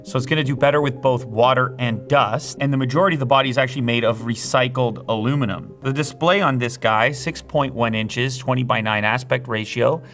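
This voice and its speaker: A man hosting a hands-on product review, explaining features and reading off specs in a brisk, explanatory way. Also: medium pitch, fairly bright tone. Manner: brisk, spec-listing, explanatory. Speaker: tech reviewer host.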